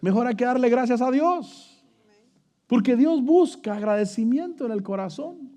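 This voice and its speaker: A man's voice: very high voice, expressive, normal speed, mellow. A middle-aged man preaching a sermon, emphatic and storytelling, calling listeners brother.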